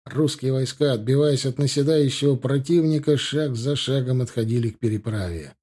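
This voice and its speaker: A man narrating a historical war novel as an audiobook, in a steady storytelling voice. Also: mid-range voice, moderate pace, slightly rough.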